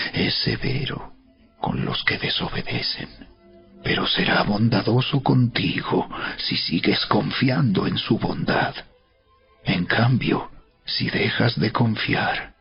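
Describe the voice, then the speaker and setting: A man giving a dramatized Bible narration as solemn, emphatic oratory with deliberate dramatic pauses. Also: mid-range voice, creaky. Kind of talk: dramatized scripture narration, preaching a letter aloud. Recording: dull recording with music behind. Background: background music.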